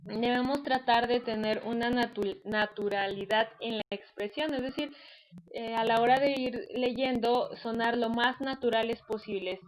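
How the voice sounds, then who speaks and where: A woman's voice: fairly high pitch, fairly even intonation, measured pace, poor audio. A woman teacher, giving an online class lecture in a patient, explanatory way with frequent fillers.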